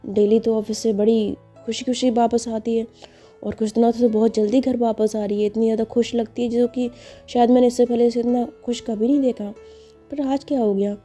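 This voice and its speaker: A caring middle-aged mother, as a woman storyteller puts her on, asking soft, coaxing questions. The voice is mellow and dark with a flat melody, over faint background music in an audio story. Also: a little high, normal speed, lightly acted. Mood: concerned.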